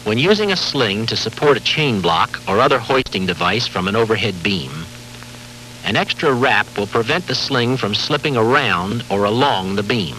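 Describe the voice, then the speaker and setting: A man giving formal, measured scripted narration for a safety training film, heard from a worn VHS tape copy with faint hiss and hum. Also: on the low side, lively intonation, sharp tone, faint music behind, low-quality recording. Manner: measured, formal, authoritative delivery.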